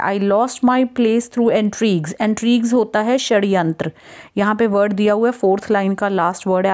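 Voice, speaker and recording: A woman's voice: mid-range voice, darkish tone. Woman teacher explaining a story in Hindi-English. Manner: reads English lines slowly, then explains in Hindi with English words mixed in; checks in with listeners often ("theek hai"). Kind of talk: exam-prep lesson explaining a story line by line.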